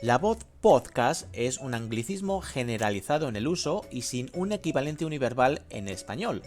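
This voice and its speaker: A man hosting a language lesson podcast, explaining in a lively, teacherly way. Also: medium pitch. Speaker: host.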